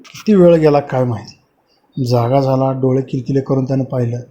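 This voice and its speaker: A man telling a horror story in a slow, dramatic storytelling manner, in a dull lo-fi recording with faint hiss. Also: medium pitch, warm tone. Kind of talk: scripted horror narration.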